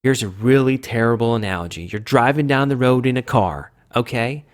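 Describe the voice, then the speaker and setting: A man's voice: mid-range voice, fairly quick. A man with a cold hosting a casual gaming chat, rambling and poking fun at himself as he loses his train of thought. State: sick with a cold. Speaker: gaming show host.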